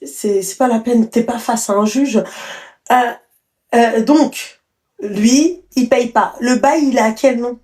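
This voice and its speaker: Woman host, high-pitched voice, direct, affectionate, advice talk. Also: slow, a little mellow. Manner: direct, affectionate, calls the caller "ma chérie". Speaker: live show host.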